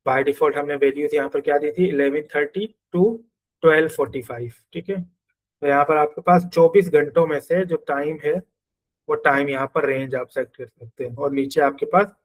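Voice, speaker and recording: Man, Pakistani Urdu accent, coding teacher, step-by-step explanations, slightly high voice. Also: fairly even intonation, normal speed, rough recording. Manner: explains step by step, thinks aloud while coding. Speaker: programming teacher. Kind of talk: screen-share coding class.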